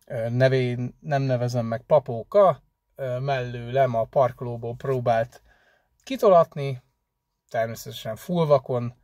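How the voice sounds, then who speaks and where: A man rambling conversationally in a casual vlog, pausing often with hesitation fillers. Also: medium pitch, no echo, clean studio sound. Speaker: delivery van driver vlogger.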